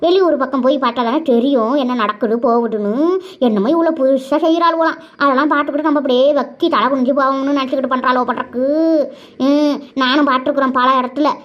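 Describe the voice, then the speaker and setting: A woman's voice: high voice, fairly even intonation, lightly acted. Cartoon village aunt, sarcastic and nagging, voiced by a woman, dull lo-fi sound. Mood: scornful. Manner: nagging, sarcastic, drawn-out complaints. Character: sharp-tongued gossiping middle-aged village aunt. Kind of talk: cartoon voice acting. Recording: dull lo-fi recording.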